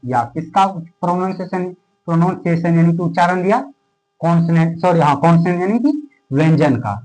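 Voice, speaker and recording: A man teaching a classroom lesson in speech who asks questions and answers them himself, repeating key terms and drawing words out slowly as he writes. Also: on the high side, darkish tone, low-quality recording. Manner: stretches words out slowly while writing.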